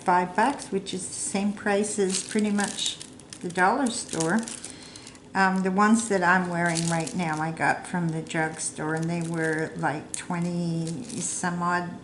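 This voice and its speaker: A middle-aged woman talks slowly, in a chatty, meandering way, as she works on a craft project. Her voice sits a little low. The room sounds echoey, and steady noise and crinkling carry through the recording. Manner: rambling, chatty, self-deprecating. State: hiccups. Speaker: crafting vlogger. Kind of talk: casual chat while crafting.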